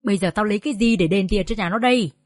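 A woman voicing a hot-tempered older village father who scolds harshly and yells. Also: fairly low pitch, moderate pace, breathy edge. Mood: raging.

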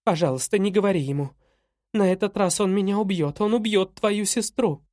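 Guy voicing a scared beaten-down mom begging breathless, higher voice, audiobook. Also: moderate pace, darkish tone, no room sound, studio quality, lightly acted. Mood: desperate. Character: frightened pleading battered young mother.

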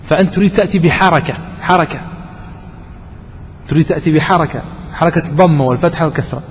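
A man with a fairly high voice teaches grammar as a sheikh. He puts questions to his students and drives each point home by repeating it. His voice carries through a reverberant hall over a faint background hiss. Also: fast. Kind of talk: classroom grammar lesson. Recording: echoey hall with faint noise.

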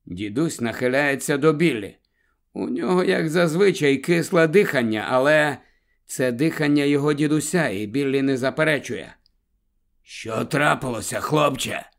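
A man narrating a story aloud in a measured, unhurried way. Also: on the high side, lively intonation. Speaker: audiobook narrator. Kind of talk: scripted narration.

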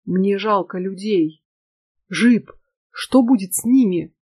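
A woman's voice: medium pitch, slow, dark tone, breathy edge, no echo. A woman reading the lines of an anxious, earnest young man, the younger brother. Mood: restrained.

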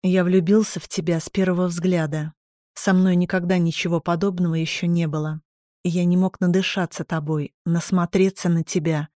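A woman's voice: fairly low pitch, flat delivery, normal speed, dry recording, studio quality, close to an everyday voice. A woman reading as a remorseful young lover. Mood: tender, remorseful. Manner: quiet earnest confession. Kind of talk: audiobook character reading.

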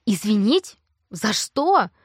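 A woman voicing an excitable teenage girl who gushes breathlessly. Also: medium pitch, slow pace, husky, no room sound, clean studio sound, full character voice. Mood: ecstatic gushing. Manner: squealing, breathless gush.

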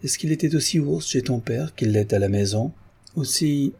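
A man's voice: mid-range voice, animated, normal speed, vocal fry, darkish tone, husky, pitched above the performer's own voice, full character voice. A man reading an audiobook, voicing a flighty, teasing young woman cousin in a raised voice. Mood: playful.

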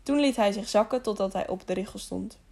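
A woman narrating an adventure audiobook in a steady storytelling voice. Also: medium pitch, brisk, creaky. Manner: even storytelling with small slips and restarts. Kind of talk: scripted narration.

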